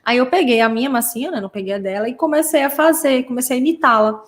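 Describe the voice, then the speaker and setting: Talking quickly in a voice that sits high, a Brazilian woman playfully acts out sounds while giving parents a casual teaching talk. Her accent is Brazilian Portuguese, and she keeps tossing in tag questions.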